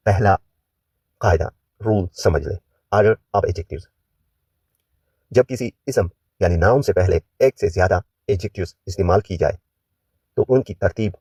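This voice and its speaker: A man teaching English grammar, explaining each rule step by step in formal language and reading the English example sentences slowly and deliberately. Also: low-pitched, warm tone, breathy edge, dry recording. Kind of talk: grammar lesson. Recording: dull, muffled lo-fi sound.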